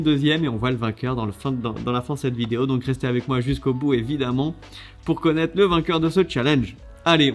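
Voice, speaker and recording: Chatty man with faint music. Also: medium pitch. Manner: lively, chatty, with many fillers and restarts. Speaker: video creator judging a contest. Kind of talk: casual video commentary.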